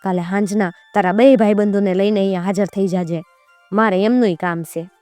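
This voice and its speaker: A woman's voice: medium pitch, fairly even intonation, fairly quick, mellow, no room sound, soft background music, close to an everyday voice. Woman doing a stern, commanding queen. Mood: stern threatening. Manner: commanding, harsh. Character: stern young queen threatening.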